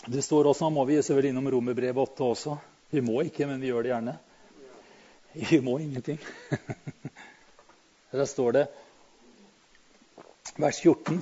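Fervent Norwegian-speaking preacher, husky voice. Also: male voice, medium pitch, lo-fi sound. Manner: swings between quiet musing and loud fervent exclamations; conversational, addresses the congregation directly. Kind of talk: sermon.

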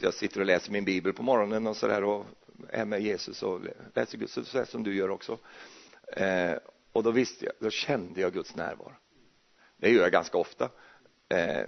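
Gravelly male preacher. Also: fairly low pitch. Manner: chatty and jokey, with many restarts. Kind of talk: sermon. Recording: muffled, dull recording.

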